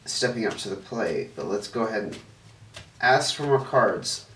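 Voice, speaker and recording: This channel host's voice sits on the low side, fairly bright, with lively intonation at a moderate pace. He does a casual tarot reading to camera, thinking aloud as he lays out cards and sniffling a bit from stuffiness, recorded roomy and distant with faint noise.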